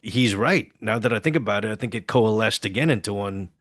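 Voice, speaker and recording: A man co-hosting a podcast, talking in an easygoing, halting way. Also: on the low side, fairly bright tone, no echo, clean studio sound. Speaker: podcast co-host. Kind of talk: casual reaction chat.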